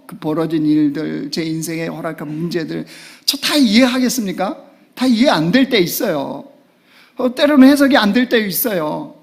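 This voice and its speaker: High-voiced Korean pastor preaching emphatically. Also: male voice. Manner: emphatic preaching that swings from hushed to loud exclamations. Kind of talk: Sunday sermon. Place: church sanctuary.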